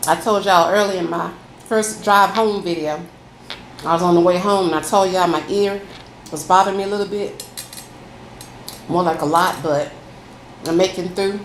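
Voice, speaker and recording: A woman's voice: lowish voice, steady tone, normal speed, pauses often. A woman food vlogger chatting casually to viewers over a meal in a folksy way, saying y'all. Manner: folksy, addresses listeners as y'all. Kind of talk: casual chatty mukbang, talking to viewers while eating. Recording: echoey room, faint background noise.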